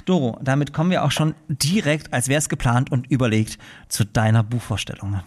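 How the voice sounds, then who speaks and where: A man's voice: medium pitch, normal speed. A man co-hosting a podcast who runs a literature quiz in a playful, joking way. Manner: playful, jokey. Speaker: podcast co-host, quiz master. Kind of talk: casual quiz chat.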